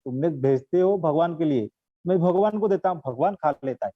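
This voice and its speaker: A man's voice: on the high side, expressive, a little fast, no room sound, pitched above the performer's own voice. Man doing an earnest devoted boy. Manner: insistent, sincere pleading. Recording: dull, dry recording.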